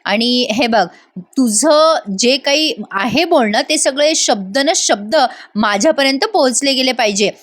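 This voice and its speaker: A woman's voice: high-pitched, animated, unhurried, fairly bright tone. Woman voicing a scheming villainous sister-in-law. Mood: sly. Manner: taunting, menacing, bossy.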